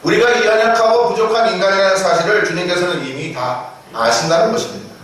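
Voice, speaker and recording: A male pastor preaches a Sunday sermon, pressing his points with rising emphasis and repeated blessings for his listeners. His voice sits fairly high and rings through a very echoey sanctuary, recorded from a distance. A faint noise floor hums underneath. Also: quick pace, fairly bright tone. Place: church sanctuary. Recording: echoey church hall, mic at a distance.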